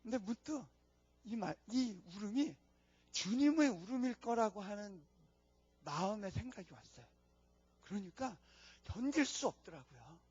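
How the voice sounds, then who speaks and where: Man, missionary preacher, earnest storytelling, high husky voice, dry dull recording. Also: lively intonation, moderate pace, long pauses. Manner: earnest storytelling, drops to hushed tones for prayers. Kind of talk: sermon testimony. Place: church conference hall.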